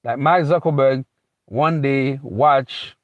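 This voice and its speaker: His voice mid-range and slow, a man originally from Haiti and now living in America offers a rambling motivational talk without a script, often repeating and restarting lines and saying "you know." The sound is muffled, with no room sound.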